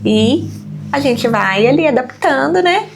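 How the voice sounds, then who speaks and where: Animated woman telling stories. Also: sits high, unhurried, gravelly. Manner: animated storyteller, acts out quoted speech. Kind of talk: casual chat.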